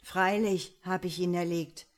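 A woman voicing a young simpleton hero who answers calmly and cheekily. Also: fairly low pitch, a little slow, natural voice. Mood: sly.

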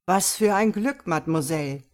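A woman reading an audiobook voices a theatrical male stage magician announcing loudly to an audience. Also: fairly low pitch, moderate pace, lightly acted.

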